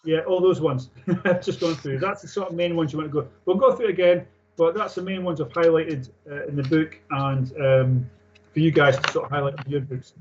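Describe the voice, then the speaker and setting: A man's voice: a little high, a little fast, a little hiss or hum. A man teaching a technical class, reading out points and explaining them in a matter-of-fact, informal way. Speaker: technical instructor. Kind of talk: classroom lecture on aircraft engine maintenance, reading and explaining. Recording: dull lo-fi sound.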